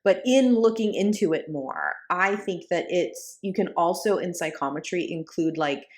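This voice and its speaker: A woman with a fairly low voice co-hosts a podcast in relaxed conversation. She talks in a chatty, looping way, dropping sarcastic asides and asking whether her point landed. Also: moderate pace. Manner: chatty, sarcastic asides, frequent "like" and "do you know what I'm saying". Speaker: podcast co-host. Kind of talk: casual conversational podcast chat.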